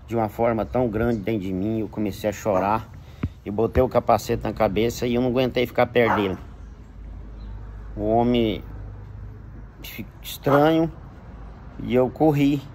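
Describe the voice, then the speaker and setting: A man's voice: a little mellow, slight background noise. A man with a Brazilian Portuguese accent recounting a personal religious testimony with emotion, his voice rising as he retells dialogue. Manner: emotional, rises in pitch when retelling dialogue. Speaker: witness giving a religious testimony.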